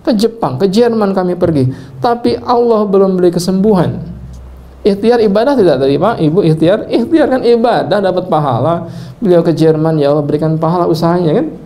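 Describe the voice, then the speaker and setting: A male preacher and healing trainer telling animated stories to a live training audience, addressing listeners directly and often breaking into devout exclamations. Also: high voice, normal speed. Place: indoor training session with an audience.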